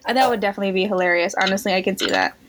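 A young woman co-hosting a podcast in casual chat, animated, acting out reactions in loud quotes and laughing often. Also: mid-range voice, rapid-fire, background noise. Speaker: podcast co-host.

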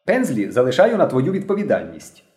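A man voicing a stern but cheerful seventeen-year-old girl who leads young pioneers, in a brisk, commanding way. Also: mid-range voice, huge pitch swings, darkish tone, voice pushed up. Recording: roomy echo.

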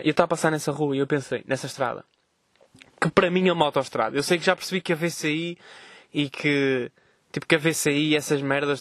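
A young man tells stories at a rapid clip, in a voice a little higher than most men's. He swears freely and jumps in and out of quick voices for the people in his stories. The sound is dry and close, with no room around it. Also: dry recording. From Vila Nova de Gaia, Portugal. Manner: animated, profane, acts out dialogue in quick voices. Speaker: podcast host. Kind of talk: casual storytelling vlog. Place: outdoors on a street.

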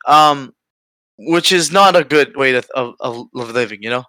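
A man with an Aruban accent hosting a casual conversation, often halting to search for words and leaning on "you know". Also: medium pitch, bright, forceful tone, dry recording. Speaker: podcast host.

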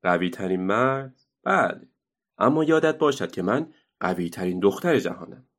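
A man's voice: fairly low pitch, lively intonation, a bit bright. A man doing a bold cheeky little girl. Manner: cheeky and friendly. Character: bold cheerful young girl, unbelievably strong.

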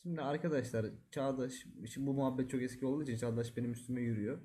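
A man's voice: medium pitch, steady tone, racing, dark tone. A man co-hosting a podcast in casual chat, often checking that his listener gets it. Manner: keeps asking "you get it?". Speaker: podcast co-host.

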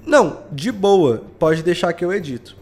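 An audio drama podcast creator appears as a guest, chatting casually and telling slangy anecdotes in a Minas Gerais Brazilian accent; he's from Belo Horizonte. His high-pitched voice is expressive and a little mellow, at normal speed. Music plays underneath.

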